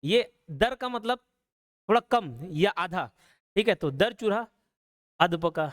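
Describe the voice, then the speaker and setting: High-voiced man teaching, slow and repetitive. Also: lively intonation. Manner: repeats words slowly, frequent "ठीक है" checks. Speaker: online exam-prep teacher. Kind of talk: explanatory lecture. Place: online class.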